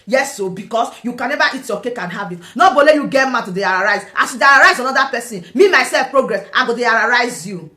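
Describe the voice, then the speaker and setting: A woman's voice: on the high side, animated, fast talker, few pauses, sharp tone. A Nigerian woman commenting on a vlog, combative and taunting, firing off rhetorical questions. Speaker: online political commentator. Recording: echoey room.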